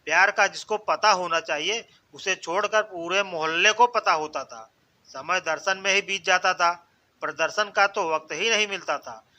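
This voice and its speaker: A man narrating a string of short jokes in a measured storytelling voice, voicing each character himself. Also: sits high, bright, forceful tone. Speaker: joke narrator. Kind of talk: scripted joke narration.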